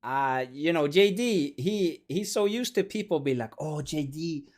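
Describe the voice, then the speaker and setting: A man's voice: fairly high pitch, animated, measured pace, darkish tone. A young man telling a casual anecdote in broken, blunt, profane English, laughing often. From Sweden. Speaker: tournament player.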